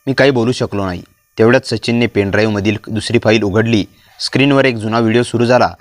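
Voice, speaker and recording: A man giving a steady, dramatic first-person narration of a story. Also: lowish voice, quick pace, dry recording.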